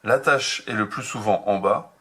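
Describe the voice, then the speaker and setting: A man teaching a remote handwriting lesson to young children, slow and patient, spelling out each step. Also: on the low side, bright, forceful tone, breathy edge. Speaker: kindergarten teacher.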